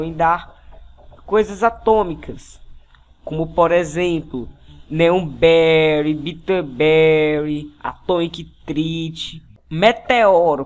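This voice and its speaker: Upbeat Brazilian gaming youtuber. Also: medium pitch. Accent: Brazilian Portuguese. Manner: upbeat, addresses viewers constantly as "pessoal". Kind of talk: game tutorial commentary.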